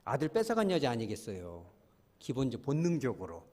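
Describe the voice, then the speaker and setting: A man's voice: medium pitch, wildly swooping pitch, fairly quick, warm tone, long reverb tail. A man preaching a midweek sermon as a pastor, asking the congregation questions and acting out voices he quotes. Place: church.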